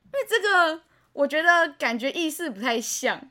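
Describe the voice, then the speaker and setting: A woman co-hosting a podcast in casual chat with a Taiwanese Mandarin accent, telling stories in a giggly, animated way. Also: sits high, moderate pace. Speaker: podcast co-host.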